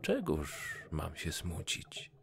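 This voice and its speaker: A man voicing a gentle, dreamy poor fisherman who speaks softly and pleads, lifted above his own voice. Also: sits low, wildly swooping pitch, takes it slowly, gravelly, slightly rough, heavily acted.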